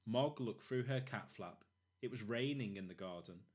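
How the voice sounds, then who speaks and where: A man narrating a children's storybook expressively, in short, deliberate phrases. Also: lowish voice. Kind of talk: expressive children's read-aloud.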